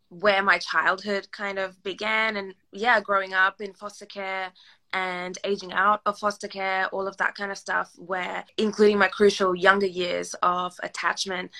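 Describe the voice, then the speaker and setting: A young woman with an Australian accent speaks as a guest on a podcast. Her voice is bright, and she talks in a reflective, soft-spoken way. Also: mid-range voice. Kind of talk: casual chat.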